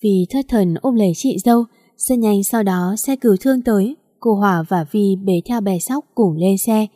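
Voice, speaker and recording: A woman reading a storybook aloud in steady scripted narration. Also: mid-range voice, normal speed, no room sound, studio quality.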